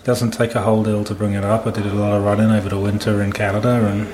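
A man from the UK answers interview questions casually. His voice sits fairly low and he is understated and matter-of-fact. Light ambient noise is heard behind him. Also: little pitch movement, fast, a little mellow. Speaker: endurance athlete being interviewed.

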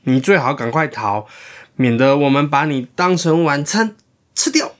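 A man voicing an impatient, grumpy crocodile in a children's story, low and threatening. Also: normal speed, close to an everyday voice.

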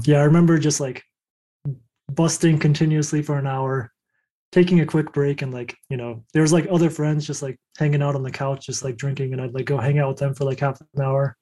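A man's voice: mid-range voice, darkish tone. A young adult man telling his story casually as a podcast guest. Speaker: podcast guest, poker coach.

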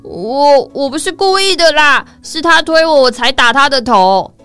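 A woman's voice: high-pitched, very animated, measured pace, bright, forceful tone, soft background music, voice pushed up, exaggerated voice. A woman voicing a mischievous third-grade boy who bullies a younger child in a children's storybook. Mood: sheepish. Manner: cocky, then sheepish.

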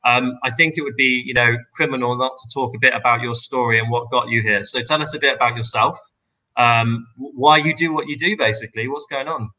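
A man hosts a casual interview, asking his guest loose, friendly questions with plenty of fillers. His voice is very bright and sharp, with a middle pitch. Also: a little fast, poor audio. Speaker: interview host.

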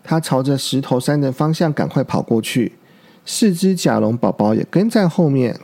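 A man narrating a children's story slowly and deliberately. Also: medium pitch, expressive, dark tone.

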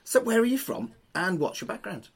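A man's voice: high voice, sing-song, a little fast, breathy edge. A middle-aged man, hosting a podcast in an informal, teasing, chatty way. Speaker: podcast host, funeral celebrant.

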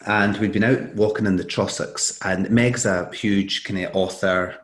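Middle-aged man, low register, animated anecdote teller, voices the people he quotes. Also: measured pace. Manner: animated, acts out quoted dialogue. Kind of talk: storytelling in conversation.

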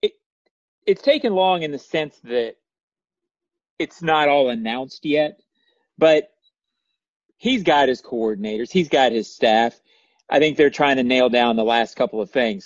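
A man's voice: mid-range voice, no room sound. Man, sports podcast panelist, analytical, dry close sound, slightly dull audio. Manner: thoughtful, analytical. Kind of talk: casual sports discussion.

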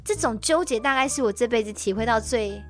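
A woman's voice: on the high side, fairly quick, fairly bright tone, faint music behind. Intense Taiwanese woman telling a story. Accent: Taiwanese Mandarin. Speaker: podcast host telling her story. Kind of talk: casual podcast chat, personal story.

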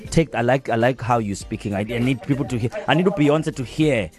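A man co-hosting a radio show, teasing and energetic in casual banter. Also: mid-range voice, brisk, music in the background. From South Africa. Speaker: radio co-host.

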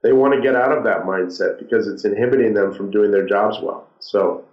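Man, muffled as if behind a wall, dull lo-fi sound, roomy echo, low voice, halting with fillers. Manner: halting, thoughtful, many fillers. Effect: muffled, as if heard through a wall. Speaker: entrepreneur guest. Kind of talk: podcast interview answers.

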